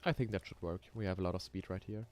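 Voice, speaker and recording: Faint music and keyboard typing accompany a young man from Germany with a German accent as he streams casually. His low, slightly mellow voice moves at a quick pace while he builds roller coasters, thinking aloud with lots of ums and little laughs.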